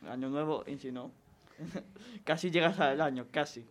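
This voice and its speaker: Joking man co-host, fairly high voice. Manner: jokey, quick to make wisecracks. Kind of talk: casual group banter.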